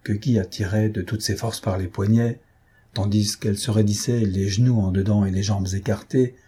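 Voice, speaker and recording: Husky, dark-voiced male narrator. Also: fairly low pitch, steady tone, normal speed. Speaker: audiobook reader. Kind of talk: read-aloud novel narration.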